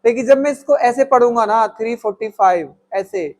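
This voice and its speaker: High-pitched Hindi maths teacher, coaxing. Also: male voice, a little fast, darkish tone. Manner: talks students through steps, voicing their answers himself; calls the viewer "my child" affectionately. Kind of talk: classroom maths lesson.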